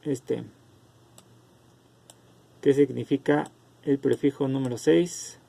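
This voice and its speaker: Male teacher for an online lesson, gravelly and dark-toned, slow delivery, calls on students by name over a video call. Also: mid-range voice, steady tone. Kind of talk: online class lecture.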